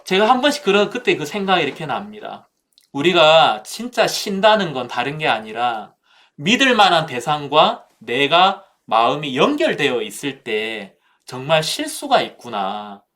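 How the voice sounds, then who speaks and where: Using vivid sound words and speaking directly to the audience, a speaker recounts a childhood story during a Bible talk at a seminar. Their voice is medium-pitched with a fairly bright tone.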